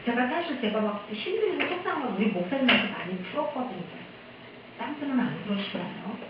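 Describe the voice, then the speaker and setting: A woman's voice: a little high, sing-song, fairly quick, heavy background noise. A woman missionary from Korea giving a candid, chatty testimony at a church service. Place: church sanctuary. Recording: echoey hall, distant dull mic.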